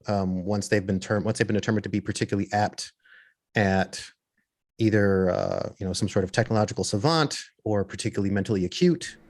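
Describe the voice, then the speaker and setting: Low-voiced, halting man playing a tabletop game. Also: darkish tone. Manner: hesitant, halting, wordy. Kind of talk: improvised roleplay and explanation.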